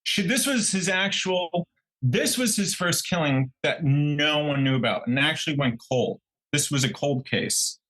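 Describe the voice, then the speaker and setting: This true crime co-host speaks at a measured pace in a slightly high voice, animatedly retelling events and performing the quoted reactions of those involved. Audio quality is poor.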